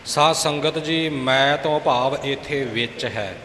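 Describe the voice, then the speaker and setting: A man's voice: mid-range voice, unhurried, fairly bright tone. A man teaching scripture, patiently explaining and correcting pronunciation. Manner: patient, instructive, corrects recitation point by point. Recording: echoey hall with faint hiss.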